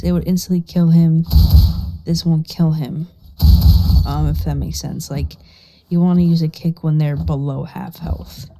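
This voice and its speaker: A woman speaking very quietly, at times nearly whispering and barely audible, in a casual, sweary gameplay tutorial. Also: sits low. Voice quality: very quiet, hushed, partly whispered voice. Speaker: gaming guide creator. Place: living room at home.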